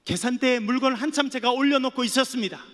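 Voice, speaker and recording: A man's voice: extremely high pitch, fast talker, a bit bright. A male pastor from a Korean island preaching a sermon, telling stories with playful jokes for the audience. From Geoje island, South Korea. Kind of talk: sermon with humorous storytelling. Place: seminary chapel. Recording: long chapel reverb.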